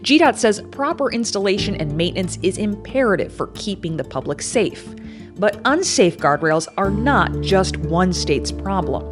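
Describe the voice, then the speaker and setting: A woman's voice: medium pitch, very animated, normal speed, soft background music. An American woman reporter narrating an investigative news exposé in a scripted broadcast style.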